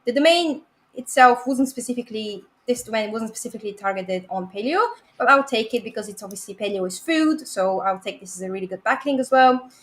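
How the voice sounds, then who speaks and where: A woman's voice: a little high, a little fast. Upbeat woman walking through a screen share. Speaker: domain analyst guest. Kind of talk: casual live-stream presentation.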